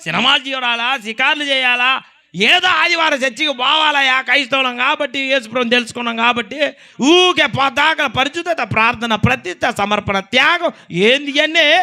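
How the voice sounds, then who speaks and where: A preacher playing a loud jeering scoffer. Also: male voice, very high-pitched, normal speed, gravelly, voice pushed up, heavily acted. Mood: mocking. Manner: jeering, taunting. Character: scoffing man mocking the faithful.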